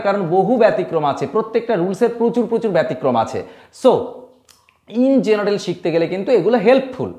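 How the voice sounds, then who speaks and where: A man's voice: high-pitched, a little mellow. A man teaching English pronunciation, explaining each rule step by step and repeating the key words. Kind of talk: spoken English lesson.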